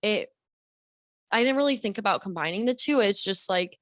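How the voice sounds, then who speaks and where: Guesting on a casual podcast, this young Deep South author has an expressive, fairly bright mid-range voice at normal speed. Her talk meanders thoughtfully, full of fillers, captured in a dry, clean studio recording.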